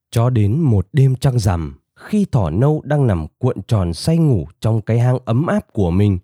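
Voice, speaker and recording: A man narrating a fable with expressive, dramatic storytelling. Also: mid-range voice, dry recording, clean studio sound.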